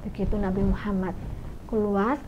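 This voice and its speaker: A woman telling a children's story live on radio, lively and speaking straight to her young listeners. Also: mid-range voice, moderate pace, slight background noise. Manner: lively, addresses listeners directly. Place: radio studio. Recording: muffled radio studio audio.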